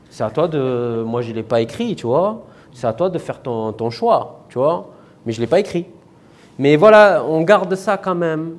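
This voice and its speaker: A man with a Marseille accent, an author talking loosely in an interview, with many fillers and restarts. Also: medium pitch. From France. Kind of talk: casual interview talk.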